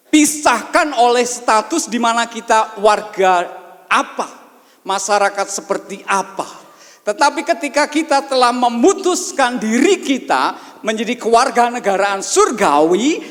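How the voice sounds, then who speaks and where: High-voiced male pastor preaching. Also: a bit bright, big-room sound. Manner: preaches with rhetorical questions, often addresses the congregation. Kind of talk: sermon. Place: church service.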